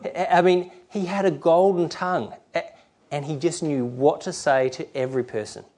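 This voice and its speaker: A middle-aged man delivers a sermon in an easygoing, conversational way. He rambles and restarts, slipping into little acted-out quotes of other people. His voice sits a touch high for a man. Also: steady tone, normal speed, darkish tone. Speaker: preacher.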